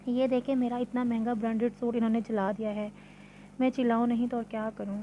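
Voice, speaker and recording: A woman's voice: fairly high pitch, level tone, brisk, muffled recording, a little hiss or hum, natural voice. A woman voicing a spoiled, hot-tempered rich young woman in a read-aloud novel, with demanding, scolding lines. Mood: angry.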